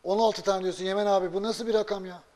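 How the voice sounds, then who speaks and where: A male presenter on a casual live sports talk show. His voice is somewhat high and he speaks quickly. He interjects often, repeating short exclamations of agreement. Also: flat delivery, darkish tone.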